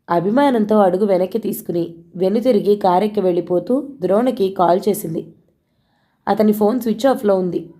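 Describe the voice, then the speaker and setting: A woman reads a novel aloud in a calm storytelling voice. Her tone is mellow and warm, never sharp. She keeps an even, mid-pitched delivery. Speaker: audiobook narrator. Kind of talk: novel read aloud, voicing each character.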